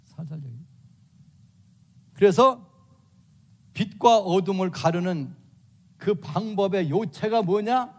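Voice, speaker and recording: An older man delivers a sermon in a slightly high voice, hammering points home by repeating them. He acts out family quarrels and swings from sudden loud outbursts to soft, hushed tones. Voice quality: shouts out loud in acted quotes. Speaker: preacher.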